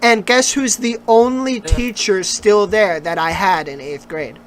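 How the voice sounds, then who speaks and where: A young adult co-host tells a long personal story on a casual podcast. The delivery rambles, full of fillers and restarts, and turns animated as the story builds. The pitch sits in a middle range. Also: unhurried, slight background noise.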